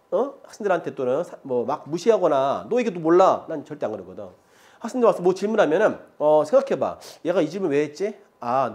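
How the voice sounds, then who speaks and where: A middle-aged male math teacher whose lively pitch swings up and down as he lectures. He talks in a chatty way, switches between polite and casual speech, and keeps checking in with the students. Now and then he laughs as he explains.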